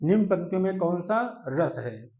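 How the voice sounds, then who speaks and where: Male exam-prep tutor, high voice, quizzing style, roomy lo-fi recording. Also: big pitch swings, a little mellow. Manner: addresses students as "children", quizzes them, chants verse slowly. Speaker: teacher. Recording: echoey room, dull lo-fi sound.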